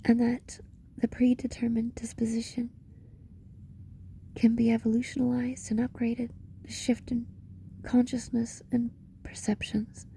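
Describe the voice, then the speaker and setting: A woman leading a guided meditation in a reflective monologue, speaking in short, paused phrases with a breathy voice that often slips into a whisper. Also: a little high, completely flat delivery, dark tone, a little hiss or hum, low-quality recording. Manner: slow, pausing between short phrases.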